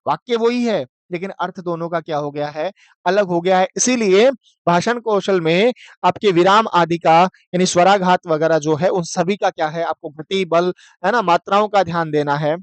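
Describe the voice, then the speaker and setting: Male lecturer, high crisp voice, dry close sound, quizzing style. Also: dry recording. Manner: chants verses slowly, asks and answers own questions. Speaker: teacher. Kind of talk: exam-prep lecture.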